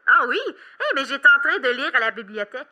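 A woman explaining things to children on a kids' show in a patient, friendly way, pausing with fillers as she looks things up. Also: sits high, sing-song, bright, forceful tone, highs cut off. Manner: patient, explanatory, hesitant fillers while searching. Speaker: children's show expert guest.

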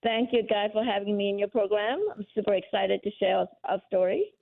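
A woman's voice: medium pitch, brisk, gravelly. A woman from Malaysia, a cookbook author and guest, answering interview questions in an eager, earnest way. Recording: tinny phone line.

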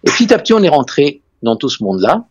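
A man with a foreign Israeli accent speaks French in a slightly high voice. He recounts travel stories conversationally and repeats key phrases for emphasis. The sound is dry and a little dull. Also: big pitch swings, fast talker, a little mellow, slightly rough, no room sound. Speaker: interview guest, real estate and tourism businessman.

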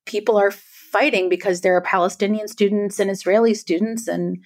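A woman's voice: mid-range voice, fairly even intonation, moderate pace. A middle-aged woman, a guest author, speaking earnestly in a podcast conversation, often checking in with "right?". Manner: earnest, emphatic, frequent "right?" tags.

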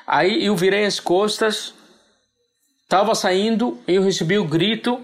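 A man whose first language is Arabic, telling a painful personal story in plain, halting phrasing as an interview guest. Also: sits high. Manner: simple, halting non-native Portuguese phrasing.

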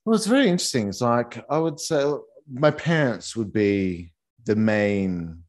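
Here an interview guest from Australia, a couples' massage teacher, chats in a relaxed, rambling way full of fillers and restarts. His medium-pitched voice is unhurried, with lively intonation.

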